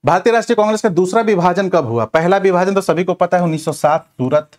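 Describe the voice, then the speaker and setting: A high-pitched, fast-talking man with a darkish tone gives an exam coaching revision lecture in question-and-answer form. He is instructive and keeps repeating check phrases.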